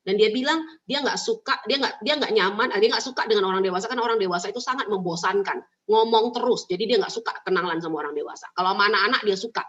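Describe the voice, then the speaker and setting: A woman giving parenting advice in an emphatic, animated way, repeating her key points. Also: mid-range voice, fast talker, few pauses. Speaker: parenting speaker. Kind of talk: advice talk answering questions. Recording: muffled lo-fi recording.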